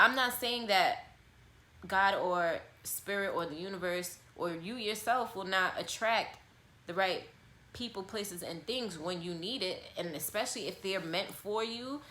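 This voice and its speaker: A woman's voice: mid-range voice, bright, forceful tone. A young adult woman talking candidly and bluntly in a personal vlog monologue, repeating herself for emphasis and swearing casually. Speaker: vlogger. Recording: echoey room.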